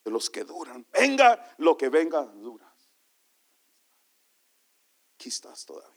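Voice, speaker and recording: A man preaching a sermon as pastor, telling stories to his congregation and calling them brother, moving from quiet asides to loud exclamations. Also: a little high, huge pitch swings, unhurried. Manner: storytelling, calls the congregation brother.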